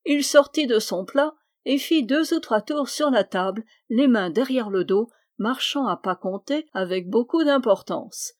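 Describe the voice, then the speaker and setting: A woman's voice: a little high, animated, a little slow, few pauses, no room sound, clean studio sound. Woman reading a novel aloud. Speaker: audiobook reader. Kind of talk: scripted narration of a novel.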